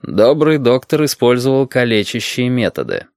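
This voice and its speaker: A man voicing a composed male doctor who speaks coldly and in measured tones in an audiobook. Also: medium pitch, dry recording, studio quality. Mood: cool. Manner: cold, calm, measured. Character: cool, composed dark-haired male doctor. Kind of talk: audiobook character voice.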